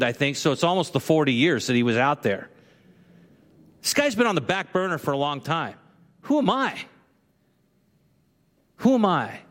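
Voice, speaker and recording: A pastor preaches a conversational sermon to his congregation in a church sanctuary, occasionally acting out the voices of figures he quotes. His voice is high-pitched and a bit bright, and a long hall reverb fills the recording.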